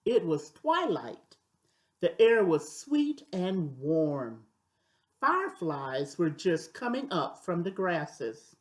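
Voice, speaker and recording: An older woman reads a children's story aloud at an unhurried, slow pace. Her pitch moves up and down in a lively way as she tells the tale deliberately. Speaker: storybook reader.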